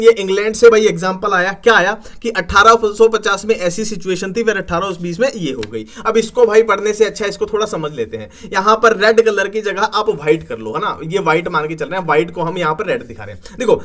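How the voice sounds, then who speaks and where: Young male tutor, high-pitched, chatty explaining style. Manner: explains with lots of tag questions and emphatic rises. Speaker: teacher. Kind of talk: exam-prep lecture.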